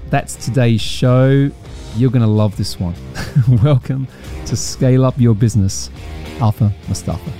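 Male podcast host, eager and rambling; low, dark, dry close sound. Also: no room sound. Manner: enthusiastic, rambling with restarts. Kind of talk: podcast interview. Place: studio in Dubai.

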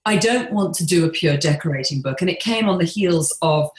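A middle-aged woman from England, speaking in a measured, reflective way with frequent pauses and restarts as an interview guest. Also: on the low side, lively intonation, echoey room, poor audio. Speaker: interior designer and author being interviewed.

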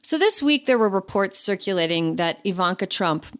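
A woman's voice: mid-range voice, expressive, moderate pace. A woman hosting a podcast in casual chat, wry and sarcastic, with plenty of profanity. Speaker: podcast host.

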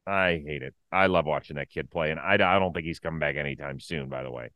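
A middle-aged man co-hosting a casual sports talk show, animated and opinionated, full of quick asides. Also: rumbling low, no echo. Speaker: podcast co-host.

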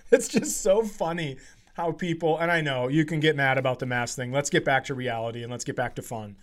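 Speaking at a fairly brisk clip in a mid-range voice, this man is a comedian hosting a podcast. He jokes around casually, lively and foul-mouthed, often poking fun at himself.

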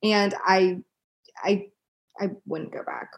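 A young woman talking as a guest on a podcast, chatty and animated, laughing often. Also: mid-range voice, slow pace. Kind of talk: casual chat.

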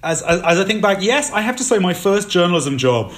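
A man with an American-sounding accent, a guest on a podcast, chatting in a lively, self-mocking way. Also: sits high, brisk. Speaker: contributing editor, podcast guest. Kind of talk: casual podcast chat.

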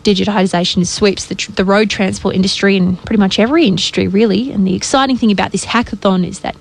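A woman's voice: medium pitch, steady tone, fast, vocal fry. Australian woman presenting breakfast radio. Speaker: radio breakfast show host. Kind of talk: radio presenting with news and chat.

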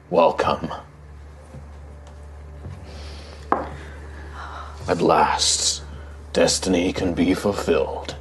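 Tabletop fantasy role: colossal old stone guardian acted by a man, deep, rumbling, grave and unhurried, some background noise. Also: exaggerated voice. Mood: solemn welcome. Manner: slow, grave, formal. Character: ancient giant male guardian of metal and stone, solemn. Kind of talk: tabletop role-play acting.

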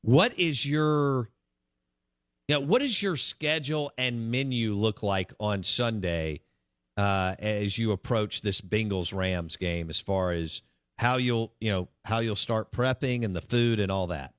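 Man, radio host, low voice, dry studio sound, rambling chatty delivery. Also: measured pace, fairly bright tone, smooth, no echo. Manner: chatty, rambling with fillers and restarts. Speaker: radio sports show host. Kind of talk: casual morning radio chat.

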